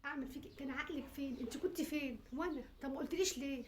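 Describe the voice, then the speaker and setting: Here is a woman acting out a frantic, furious Egyptian mother in a skit, her voice a little high. She fires off quick scolding questions between pleading prayers. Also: noisy background, lightly acted. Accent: Egyptian Arabic.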